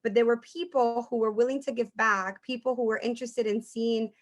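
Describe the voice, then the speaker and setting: A woman's voice: fairly high pitch, fairly even intonation, fairly quick. A woman in her thirties, born in Colombia with Spanish as her first language, giving an earnest personal talk to teens as a math professor and often checking in with "right?". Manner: earnest, warm storytelling with frequent "right?" tags. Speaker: guest speaker, math professor.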